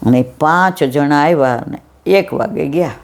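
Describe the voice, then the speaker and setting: A woman's voice: sits low, a little slow, gravelly. An older woman giving a devotional satsang talk, telling anecdotes and acting out the dialogue. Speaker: satsang speaker.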